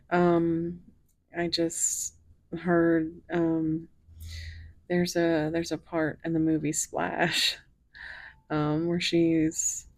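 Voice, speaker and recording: The speaker is a tarot reader, a woman with a deep, monotone voice and no room sound around her. Her casual reading is slow and musing, and she drops to a whisper as she lays out the cards.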